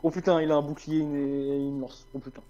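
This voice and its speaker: A man's voice: fairly high pitch, level tone, fast, warm tone, dull audio. A man talking in casual slang as a player in a tabletop role-playing game.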